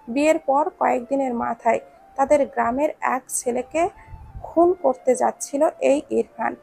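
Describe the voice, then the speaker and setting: A woman narrating a romance story in a steady, descriptive reading. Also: sits high, gravelly, husky.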